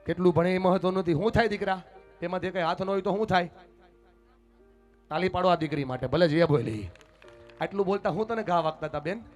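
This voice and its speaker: Motivational speaker, man, high voice, swings from quiet to loud, faint music underneath. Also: a little fast, pauses often. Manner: dramatic, swings from hushed to loud, addresses parents and pupils directly. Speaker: motivational speaker at a school event. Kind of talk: motivational speech with acted-out stories.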